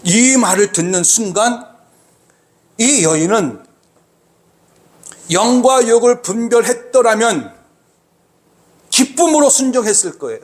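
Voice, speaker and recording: Man, pastor, sermon, high voice, emphatic, repeats phrases. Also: animated, measured pace, pauses often.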